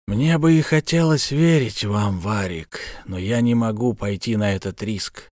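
A man's voice: on the low side, measured pace, darkish tone, no room sound, studio quality, lightly acted. Brief: male narrator as a strict, insistent official for an audiobook, plain reading voice. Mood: stern. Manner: insistent, questioning.

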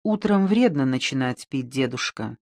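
Reader as a peaceable young woman, soft-spoken, dry close sound. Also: mid-range voice, sing-song, takes it slowly, vocal fry, slightly rough, no room sound, exaggerated voice. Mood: mild. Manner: mild, conciliatory.

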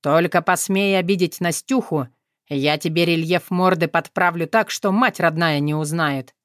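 A woman's voice: lowish voice, normal speed, no echo, close to an everyday voice. Brutal young male thug, growled threats, read by a woman, dry close audiobook sound. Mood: menacing.

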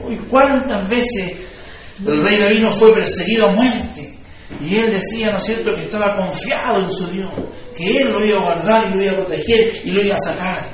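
High-voiced pastor in echoey church. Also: male voice, moderate pace, noisy background. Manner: conversational preaching with rising fervor, frequent "¿me entiende?". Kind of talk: sermon. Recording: echoey room, voice from far off mic.

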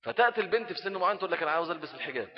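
A fast-talking middle-aged man with an Egyptian Arabic accent preaches on raising children. His voice sits a little high, and he acts out small scenes as he goes. The recording sounds dull and lo-fi. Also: expressive. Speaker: Islamic preacher. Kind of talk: religious talk on parenting.

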